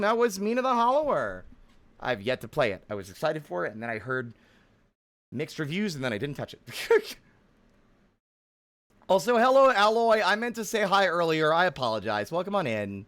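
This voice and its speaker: Chatting informally with viewers during a game live stream, a man keeps cutting himself off. He sounds fairly quick and fairly bright, his voice sitting on the high side with big swings in pitch.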